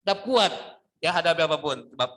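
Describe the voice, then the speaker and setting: Animated preaching man, lively high voice. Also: fast talker. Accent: Indonesian. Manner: animated, jokey, acts out little scenes, calls on congregation. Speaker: pastor. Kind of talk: lively sermon.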